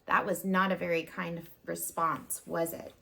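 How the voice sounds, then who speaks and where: Reading a storybook to young children, this preschool teacher speaks expressively in simple, child-directed language and poses questions to her listeners. Her voice is gravelly and fairly low, and she keeps a measured pace.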